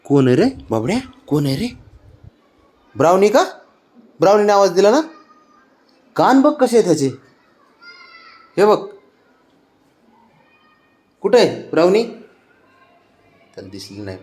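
A man's voice: high voice, big pitch swings, unhurried, long pauses, a little mellow, slightly rough. A man chatting to his pet cat in a coaxing, teasing way, repeating questions and chuckling often. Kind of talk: casual baby-talk to a pet.

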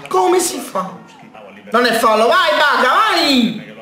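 A man reacting live to a football match, shouting, swearing and chanting players' names. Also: very high voice, sing-song, slow, over music. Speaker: football fan streamer. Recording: echoey room with broadcast crowd noise. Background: match broadcast with stadium crowd.

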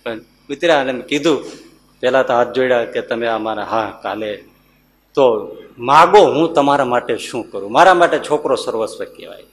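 A man preaching as a monk, telling a story in a sermon with a Gujarati accent, dropping softer and lower for the characters' words and rising to emphatic bursts. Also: normal speed. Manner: acts out the characters' lines in softer, lower tones; rises to emphatic high bursts.

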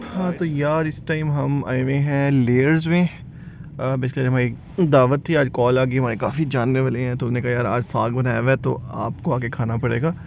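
A man's voice: medium pitch, fairly even intonation, moderate pace, creaky, soft background music. A man in his thirties chatting casually as he vlogs, laughing often and mixing English phrases into his talk, filmed on a phone held at arm's length. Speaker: vlogger. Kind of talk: casual vlog chat. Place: busy cafe and parked car at night. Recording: dull phone audio, loud crowd.

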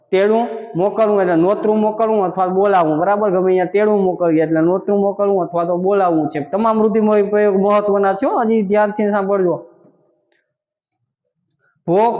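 Man, grammar teacher, high voice, dull lo-fi sound, long hall reverb. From India. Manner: repeats each point with a filler word. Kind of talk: grammar lesson.

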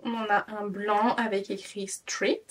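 Her pitch is medium and her delivery flat and unhurried, picked up far from the mic. The speaker is a tired French woman in her twenties, a parenting vlogger rambling casually through a clothing haul with many fillers and restarts.

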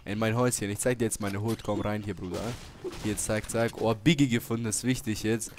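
A young man giving excited gameplay commentary, swinging from low mumbling to sudden shouts. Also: fairly quick, a little hiss or hum. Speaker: gaming streamer. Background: game music.

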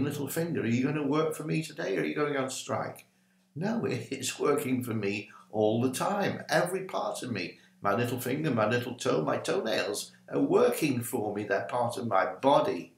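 Gesturing with both hands, an animated older minister ad-libs a casual teaching talk into a webcam from his small home study. His voice sits in the mid range, and the room sounds reverberant.

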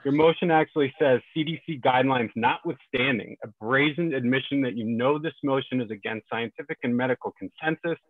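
A man's voice: medium pitch, no room sound. A man reading a prepared public comment, accusatory and full of rhetorical questions, over a tinny line. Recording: tinny phone-line audio.

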